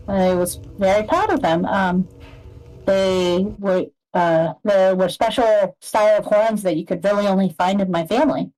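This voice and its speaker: Woman as a hesitant, slow-spoken bereaved woman. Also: mid-range voice, a little mellow, close to an everyday voice, rough recording. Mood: wistful unease. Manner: halting, hesitant. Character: bereaved horned woman who runs an orphanage, hesitant.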